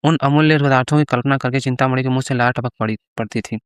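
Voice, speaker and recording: A man narrating a classic short story in measured storytelling. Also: medium pitch, fairly even intonation, clear, resonant tone, no room sound. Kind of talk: scripted story reading.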